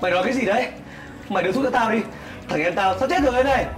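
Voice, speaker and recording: A protective older brother, played by a man, in a web skit drama. He speaks earnestly and quickly in a fairly high voice, over music. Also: close to an everyday voice. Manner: earnest, pleading. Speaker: actor. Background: background music.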